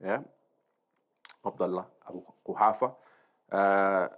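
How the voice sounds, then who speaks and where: Reading and explaining in an informal Islamic lesson, this man keeps checking in with his listeners using brief tags. He speaks slowly in a low-pitched voice with fairly even intonation, captured in dull, lo-fi sound.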